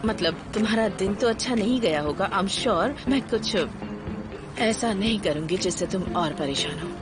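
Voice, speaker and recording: A woman's voice: medium pitch, expressive, measured pace, lightly acted. A woman dubbing a worried, caring middle-aged mother in a TV drama, fussing over her son. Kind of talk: Hindi dub of a TV drama. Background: background music.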